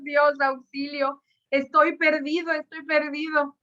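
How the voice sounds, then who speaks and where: A man's voice: very high voice, level tone, slow, sharp tone, highs cut off, pitched above the performer's own voice, exaggerated voice. A woman voicing a frightened man lost at sea in a small boat, pleading and tearful. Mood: desperate pleading.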